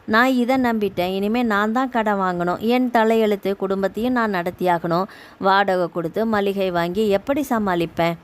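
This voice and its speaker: A woman's voice: medium pitch, moderate pace, close to an everyday voice. A woman reading as a demanding, possessive young woman. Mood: bitter. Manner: demanding, insistent. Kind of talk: audio novel reading.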